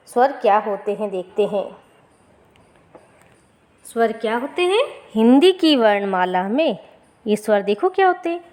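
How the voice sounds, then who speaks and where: Higher-voiced woman teaching a primary lesson. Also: dark tone. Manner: asks questions and answers them herself, repeats words slowly. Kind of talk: recorded Hindi grammar lesson for fourth graders.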